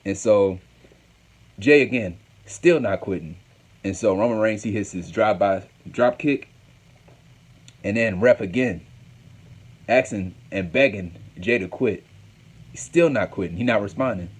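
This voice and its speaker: A man with a lowish voice casually recapping a wrestling event as host. He rambles along in loose, conversational sentences and repeats lines as he goes. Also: measured pace, long pauses, slightly rough.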